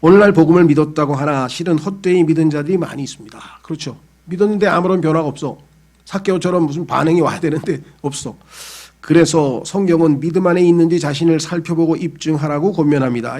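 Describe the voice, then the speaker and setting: A man's voice: on the high side, fast talker, darkish tone. A pastor preaching a sermon in a conversational way, acting out the voices of the people he talks about. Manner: conversational preaching, acts out quoted voices of believers.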